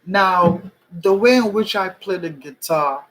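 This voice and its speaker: A Trinidadian man from Trinidad and Tobago speaks in a high, slightly slow, somewhat bright voice over a rough recording. He's a musician explaining things during a rambling, casual livestream and keeps checking in with his listeners.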